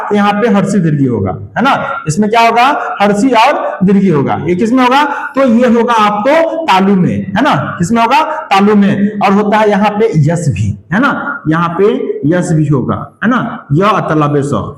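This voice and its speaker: High-voiced male teacher in an echoey room. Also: sing-song, moderate pace. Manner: asks questions and answers them himself, repeating "है ना" and "ठीक है". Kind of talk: classroom grammar lesson.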